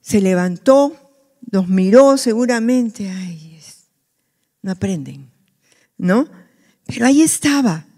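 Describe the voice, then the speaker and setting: A woman's voice: on the high side, expressive, unhurried, long pauses, dark tone. A woman pastor with a Peruvian accent preaching a sermon in a church, acting out the worried cries of believers. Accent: Peruvian Spanish. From Peru. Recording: long church hall reverb.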